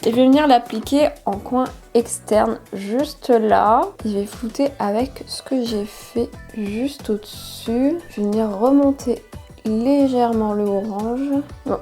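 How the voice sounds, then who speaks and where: This young beauty vlogger has a mellow voice on the high side. She chats casually while walking through a makeup tutorial, clearly enthusiastic about the colors.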